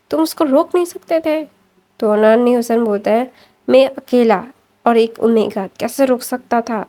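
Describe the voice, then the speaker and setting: A woman casually retelling a fan story, chatty, linking sentences with fillers and quickly correcting herself. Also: on the high side, dark tone.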